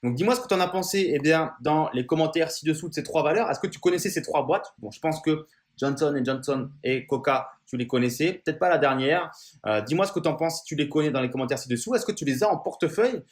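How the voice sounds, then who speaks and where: A man's voice: on the high side, fast. A man talking casually to his viewers about investing, informal and full of fillers and restarts. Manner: addresses viewer familiarly. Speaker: finance YouTuber. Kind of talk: casual explainer video.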